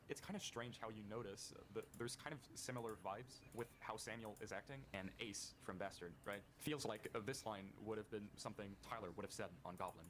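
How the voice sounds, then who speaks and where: Quick-talking man narrating an album review. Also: lowish voice, noisy background. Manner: casual, brisk, with frequent filler pauses. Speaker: video essay narrator.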